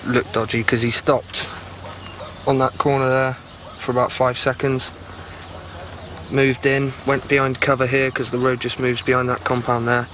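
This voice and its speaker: A man's voice: medium pitch, level tone, moderate pace. A British man, a marine, chatting casually in an outdoor interview in an understated, slangy way. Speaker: marine on sentry duty. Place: outdoors at a sentry post. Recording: loud outdoor background noise.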